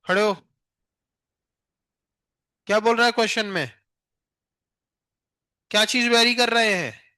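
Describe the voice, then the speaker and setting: ऊँची, तीखी आवाज़ में छात्रों से सवाल पूछता शिक्षक. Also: male voice, high-pitched, bright, forceful tone, no room sound, clean studio sound. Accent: Indian English. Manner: questions students rapid-fire, teasing. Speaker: physics teacher. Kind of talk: classroom lecture with questioning. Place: classroom.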